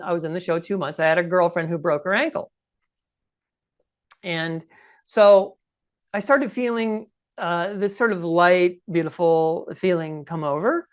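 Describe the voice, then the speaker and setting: Sitting high with a fairly bright tone, this sixty-something man's scratchy voice carries a first-person account of his own experience on a podcast. His delivery is emphatic, and he keeps asking "okay?" and "right?" as he goes.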